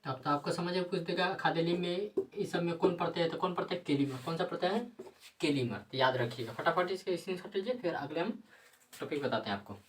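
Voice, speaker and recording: A woman's voice: on the low side, fast talker, distant mic, a little hiss or hum. A woman teacher gives a grammar lesson. She keeps asking questions and answering them herself, with frequent tag questions.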